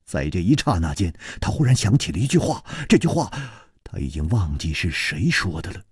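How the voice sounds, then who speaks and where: A male storyteller narrating a traditional long-form story in a dramatic way, swinging from hushed to loud. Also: deep voice, very animated, fairly quick, breathy edge, no room sound, studio quality.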